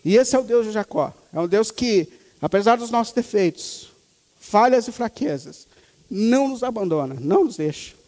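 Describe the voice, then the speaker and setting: A man's voice: high voice, animated, normal speed, a little mellow. A male pastor in his thirties preaching a sermon, speaking emphatically and repeating key phrases for weight. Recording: reverberant hall.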